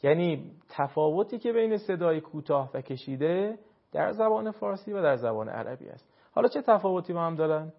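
A man teaching Quran recitation in a measured, explanatory way, stretching out key words to stress his points. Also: lively intonation, creaky. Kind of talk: explanatory lesson. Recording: muffled low-fidelity audio.

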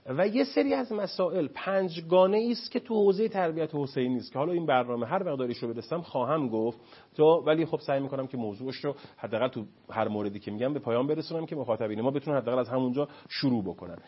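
Male talk-show guest expert, husky, lively explaining style, muffled audio. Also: mid-range voice. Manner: animated, acts out parents and children in quotes.

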